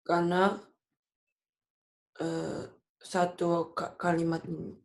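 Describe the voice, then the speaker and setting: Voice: mid-range voice, monotone, takes it slowly, vocal fry. A young student answering a teacher's tajwid questions in short, hesitant replies, correcting himself when he gets one wrong.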